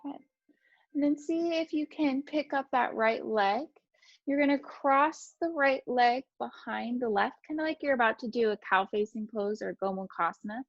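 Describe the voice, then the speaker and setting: A woman instructor calmly guiding a gentle yoga class, cueing each breath and movement. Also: fairly high pitch, moderate pace, no echo, highs cut off.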